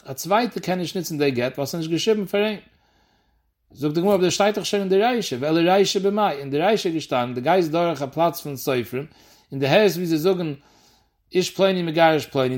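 Guy going thru a talmud page, sing-song study chant, kinda high voice. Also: darkish tone. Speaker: Talmud teacher. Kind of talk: Talmud lesson explaining the text.

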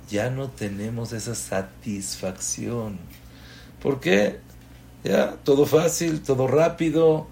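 A man's voice: medium pitch, gravelly, a little mellow, a little hiss or hum. A man, a rabbi giving a Torah class as a sermon, impassioned and asking strings of rhetorical questions.

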